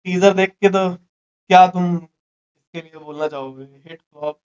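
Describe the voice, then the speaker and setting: Joking young man in a small room, slightly high voice. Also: unhurried, a little mellow, clear, resonant tone, highs cut off. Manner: casual, joking, opinionated. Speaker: reaction video co-host. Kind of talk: casual chat.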